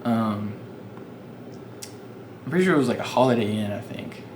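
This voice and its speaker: A man's voice: on the low side, lively intonation, normal speed. A young man vlogging, telling a casual story full of fillers and restarts. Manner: rambling, many fillers and restarts. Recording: noisy background ambience.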